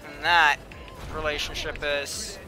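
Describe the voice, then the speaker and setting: Reading chat during a casual live stream, a young man with a slightly high, somewhat whiny voice, which he admits to, talks to his viewers while gaming. His delivery is flat and slow-paced, drifting into quiet mumbled asides, with music clearly audible in the background.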